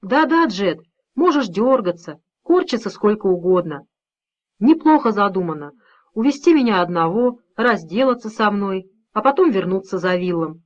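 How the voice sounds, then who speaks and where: A woman doing a calm, steely father. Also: medium pitch, moderate pace, dull audio, close to an everyday voice. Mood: calm, firm. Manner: calm, steady, quietly menacing. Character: calm, firm middle-aged father confronting evil.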